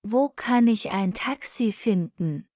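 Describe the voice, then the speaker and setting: A woman reading short practice sentences for a language lesson, saying each one twice, slowly and evenly. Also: mid-range voice, animated, dark tone, no room sound. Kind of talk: slow repeated phrase reading for learners. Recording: dull lo-fi dry recording.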